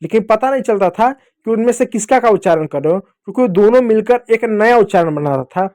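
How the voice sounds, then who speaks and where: A man's voice: high-pitched, a little mellow. A male teacher with an Indian Hindi accent, giving a lesson to children and patiently repeating points and answering his own questions.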